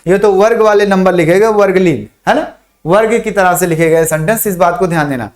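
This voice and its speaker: High-pitched guy teaching chemistry, keeps asking "what?" and spelling out memory tricks slow. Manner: drills mnemonics, repeats phrases slowly for dictation; asks and answers his own questions. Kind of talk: online classroom lesson.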